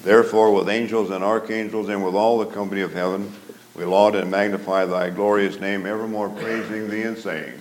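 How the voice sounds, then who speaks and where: A man, a pastor, leading a formal liturgy in a solemn, measured recitation, heard with a cathedral echo. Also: on the low side, steady tone. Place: large church. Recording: echoey church with loud organ music.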